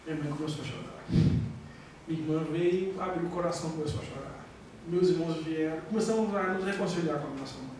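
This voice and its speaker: Brazilian pastor guy preaching his testimony, kinda high voice, acts out the conversations, mic far off, lots of hall echo and a little hiss. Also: fast, darkish tone. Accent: Brazilian Portuguese. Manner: emotional storytelling, acting out dialogue. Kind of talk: testimony sermon. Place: church hall.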